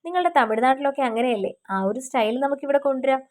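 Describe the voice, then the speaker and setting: Woman reading as a gentle young lover in a storybook romance, soft and teasing, slightly high. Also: rapid-fire, natural voice. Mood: tender. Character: tender young man in love.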